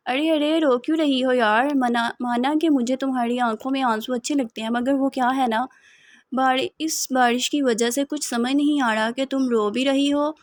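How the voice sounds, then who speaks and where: A woman's voice: on the high side, no room sound, lightly acted. A woman voicing a cruel young husband who mocks and taunts his crying wife. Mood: taunting. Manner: taunting, coldly teasing.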